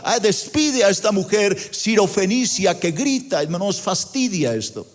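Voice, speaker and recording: A male pastor preaching a sermon in a church auditorium, acting out dialogue with rising and falling emphasis. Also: mid-range voice. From Colombia. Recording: long hall reverb.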